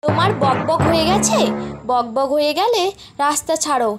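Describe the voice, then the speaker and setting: A woman voicing a bewitched young girl in a cartoon, speaking in a high, bossy voice. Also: expressive, normal speed. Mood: demanding. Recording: background music.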